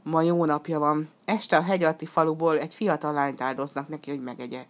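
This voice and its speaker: A woman voicing a gentle, protective young girl in a storybook reading, urgent and pleading. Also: low voice, steady tone, lightly acted. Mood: worried.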